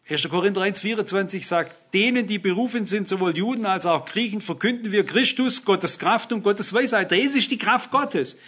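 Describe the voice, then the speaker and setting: A man's voice: sits high, normal speed, hardly any pauses, a bit bright, husky. A man preaching a sermon, earnestly addressing his listeners and citing Bible verses.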